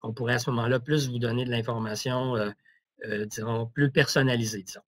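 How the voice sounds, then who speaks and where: A man's voice: medium pitch, fairly even intonation, fairly quick, a bit bright. A man presenting services and answering questions in a webinar, hesitant, with many restarts and fillers, speaking over a video call.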